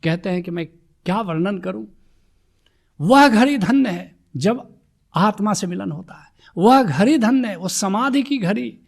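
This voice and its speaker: A man giving a sermon as a spiritual teacher, reciting devotional verses slowly and then urging his listeners with rhetorical questions. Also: high voice, animated, vocal fry.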